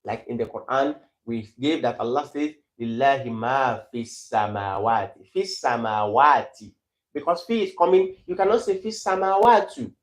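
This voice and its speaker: A man teaching Arabic grammar who repeats example phrases slowly and then explains them. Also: medium pitch. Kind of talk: grammar lesson. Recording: echoey room.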